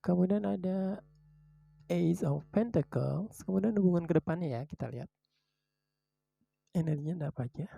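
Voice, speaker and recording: Tarot reader, casual and chatty, dark gravelly tone, unhurried card calls. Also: medium pitch, dry recording, muffled recording. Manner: chatty, slow card-by-card announcing; drops into soft whispers for short prayers. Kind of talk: casual tarot reading video. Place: indoors at home in the morning.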